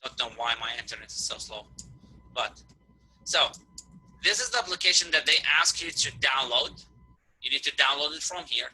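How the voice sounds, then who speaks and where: A male instructor teaching an online class over a video call, talking in halting bits that repeat and restart, while his audio keeps cutting out on a bad internet connection. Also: mid-range voice, animated, pushed and bright, slightly rough, rough recording. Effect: choppy audio cutting out on a bad internet connection. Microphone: computer mic on a video call.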